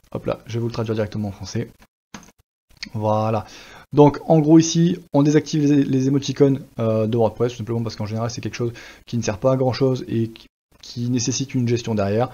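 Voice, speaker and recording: A laid-back French man walks viewers through a casual WordPress screen recording, filling it with fillers and restarts. He speaks at medium pitch, captured in slightly dull lo-fi sound.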